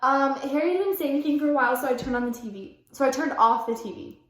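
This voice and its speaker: High-pitched, fast, and fairly bright, a young vlogger reads her old fan fiction out loud, the room giving a roomy echo. Her chatty delivery is full of "like", and she keeps interrupting herself with self-mocking comments and corrections to her reading.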